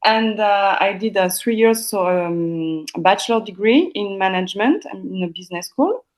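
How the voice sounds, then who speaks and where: A woman's voice: medium pitch, expressive, moderate pace. A woman with a French accent, a gallery co-founder talking in a casual interview, hesitant and searching for words. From northern France.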